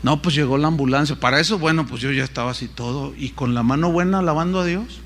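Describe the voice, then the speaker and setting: A man with a Mexican accent, a preacher telling a personal story in a sermon, animated and acting out the voices of others. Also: on the high side, fast. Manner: animated, acts out quoted voices, frequent restarts.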